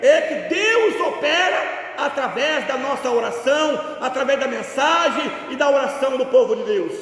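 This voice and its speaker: High-voiced preacher in an echoing church. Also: male voice, expressive, moderate pace, recorded from a distance, crowd noise. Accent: Brazilian Portuguese. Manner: fervent, peppered with "glória a Deus" and "amém". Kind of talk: Pentecostal sermon. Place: church sanctuary. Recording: echoey church hall.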